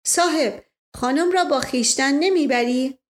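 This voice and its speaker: Brief: woman playing an overly courteous Indian officer, raised pitch, ornate speech, storybook. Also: natural voice. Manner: formal, bookish phrasing with 'sahib'.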